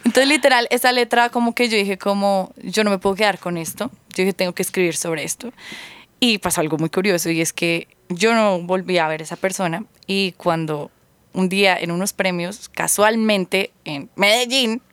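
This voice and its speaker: Colombian woman telling stories, lively. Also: mid-range voice, normal speed, no echo. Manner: animated storytelling, laughs often. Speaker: guest singer. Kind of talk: casual interview chat.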